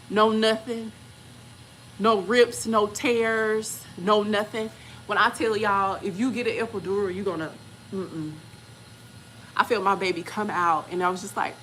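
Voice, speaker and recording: A woman, casually telling a personal story to her viewers and acting out quoted voices with lively pitch jumps. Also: a little hiss or hum, poor audio. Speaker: channel host.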